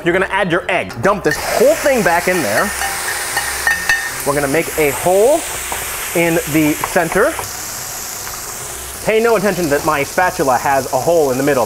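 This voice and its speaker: A man's voice: on the high side, expressive, normal speed, long pauses, music in the background, rough recording. A drunk man giving a casual cooking tutorial, rambling and tossing in joking, self-deprecating asides while he works. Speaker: cooking video host. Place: home kitchen while cooking. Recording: sizzling pan and kitchen noise.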